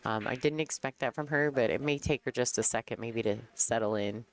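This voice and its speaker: A woman giving casual commentary on a pool match, chatty and quick to laugh as she tells stories. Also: rumbling low. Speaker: color commentator. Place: pool hall commentary booth.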